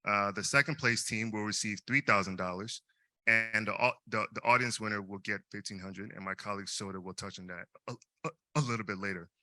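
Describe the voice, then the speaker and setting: Hosting a live case competition, a young man in his first year of business school emcees the event hesitantly, often repeating words. His voice is fairly low, pushed and bright, with no echo.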